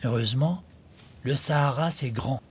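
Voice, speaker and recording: A man voicing a dromedary that tells its life story in measured nature documentary narration, scripted and in the first person. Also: mid-range voice, a little hiss or hum, natural voice. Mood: narrating. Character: male dromedary telling its own life in the desert.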